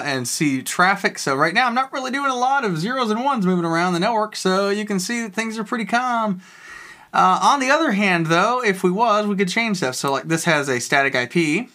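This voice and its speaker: In a mid-range voice, a tech video host casually walks through a piece of software, rambling and thinking aloud while clicking.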